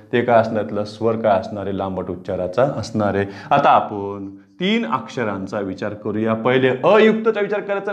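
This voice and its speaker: Male teacher, mid-pitched voice, patient drill style with slow spoken repetitions, slightly dull lo-fi recording. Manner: repeats words aloud slowly, drawing out sounds, asks and answers own questions. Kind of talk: classroom pronunciation lesson.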